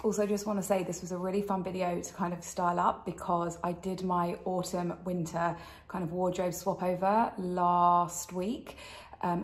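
A British woman in her thirties hosting a chatty fashion vlog, speaking with a slight impediment from the dental retainers she is wearing. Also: on the low side. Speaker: fashion channel host. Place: indoors in a kitchen. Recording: roomy kitchen echo.

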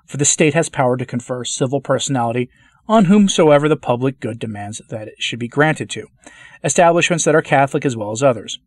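A man reading a formal church letter aloud in a measured, deliberate way, now and then stumbling and restarting a word. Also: mid-range voice, no echo, studio quality. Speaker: channel host reading a papal letter aloud.

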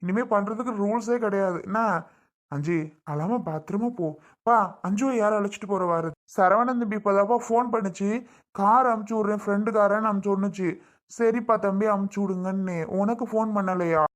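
A woman's voice: mid-range voice, normal speed, close to an everyday voice. Woman playing a reassuring elder brother. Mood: matter-of-fact. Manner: reassuring, matter-of-fact. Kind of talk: family skit acting.

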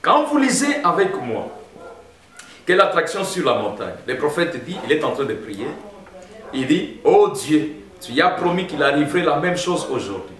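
Animated French-speaking preacher in an echoey hall. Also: male voice, fairly high pitch, normal speed. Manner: emphatic preaching, addresses congregation as brothers. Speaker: pastor. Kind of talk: sermon. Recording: roomy echo, heard from a distance.

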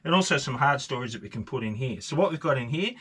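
A man's voice: medium pitch, fast talker, breathy edge. An Australian man in his fifties, a sailing vlogger, chatting casually to camera on his boat with lots of fillers. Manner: relaxed, rambling with many fillers. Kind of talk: casual vlog talk to camera. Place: sailboat deck outdoors, then inside the boat's cabin.

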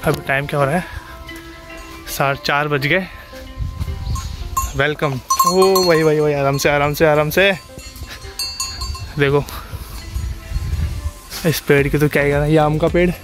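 A young man narrating a casual travel vlog on a handheld phone, chatty and excited, talking to his viewers as friends. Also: on the high side, unhurried, long pauses, over music. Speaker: vlogger.

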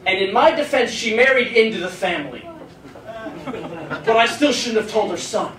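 A man's voice: sits high, expressive, normal speed. An eighteen-year-old man doing a stand-up comedy routine as a self-deprecating, awkward storyteller into a handheld mic on a club stage. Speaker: stand-up comic. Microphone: handheld stage microphone, recorded from the audience. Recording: roomy club sound, distant, some noise.

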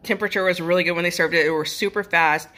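A woman's voice: on the low side, steady tone, racing, pushed and bright. A middle-aged woman giving a casual food review, chewing as she talks, recorded on a phone at arm's length indoors. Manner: chewing while talking. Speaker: food vlogger.

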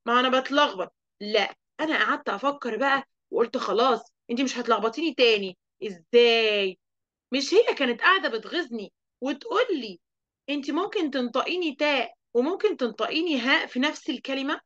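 A woman with an Egyptian accent teaching an online lesson to young children, lively and asking the class questions she then answers. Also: high voice, quick pace, dull audio. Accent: Egyptian Arabic. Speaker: primary school teacher.

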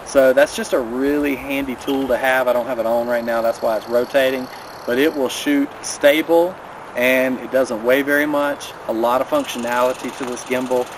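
A man in his thirties talks through hiking gear in a friendly, practical way, standing by a river in a mountain valley. The camera sits a few steps off, and clear outdoor noise runs behind his voice. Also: medium pitch, steady tone, normal speed. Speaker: vlogger. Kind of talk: casual outdoor gear rundown. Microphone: camera a few steps away.

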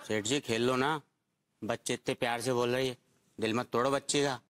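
A man's voice: mid-range voice, steady tone, moderate pace, heavy background noise, lightly acted. An actor playing a cheeky sidekick servant who teases and mangles his grammar. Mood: wondering. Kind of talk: TV sitcom acting.

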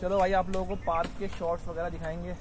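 चहकता हुआ युवा पुरुष vlogger. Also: male voice, high-pitched, flat delivery, fast. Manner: chatty, calls friends "bhai" and "yaar". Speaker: vlogger. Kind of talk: casual moto vlog chat. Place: outdoors on a city street and by a park. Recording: outdoor street noise.

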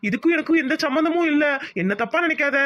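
A woman's voice: sits high, animated, fast, a bit bright, highs cut off. A woman voicing a nervous young husband in a cartoon who keeps apologizing and repeating himself. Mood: flustered. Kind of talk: cartoon voice acting.

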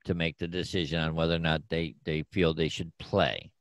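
A man with a low, deep voice co-hosts a relaxed chat podcast. He talks easygoing and unhurried, often stumbling and restarting mid-sentence. The sound is dry and close, with no room echo. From Arizona, Phoenix area. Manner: easygoing, with frequent restarts and slow spelled-out plugs. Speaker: podcast co-host. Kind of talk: casual chat.

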